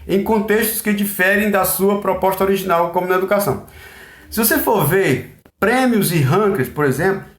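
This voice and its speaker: High-voiced man lecturing in an echoey room. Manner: conversational, asks and answers his own questions. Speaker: teacher. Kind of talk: recorded class lecture.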